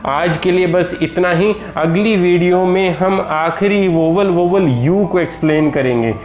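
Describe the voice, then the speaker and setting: A man's voice: high-pitched, unhurried, a little mellow, faint music behind. A man with an Indian accent teaching a lesson, patiently repeating each example word and addressing his viewers as children. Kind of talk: slow explanatory lesson.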